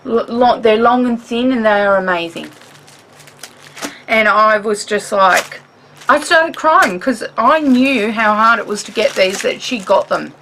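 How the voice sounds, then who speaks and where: A woman with an Australian accent chatting in a home craft vlog, animated and rambling, laughing often as she shows things. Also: on the high side, measured pace, a little hiss or hum, poor audio. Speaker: craft vlogger. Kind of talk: chatty show-and-tell vlog.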